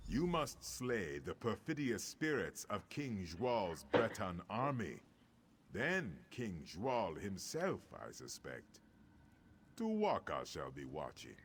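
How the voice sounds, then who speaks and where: An actor playing a solemn, embittered warrior who gives quests in a fantasy video game, speaking gravely and formally. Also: male voice, fairly low pitch, wildly swooping pitch, takes it slowly, background noise, exaggerated voice. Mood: grave, bitter.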